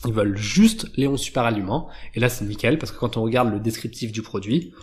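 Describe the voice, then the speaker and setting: A man's voice: fairly low pitch, brisk. A man explaining advertising and copywriting in a casual, informal way, with frequent fillers and self-corrections. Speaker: YouTube marketing educator.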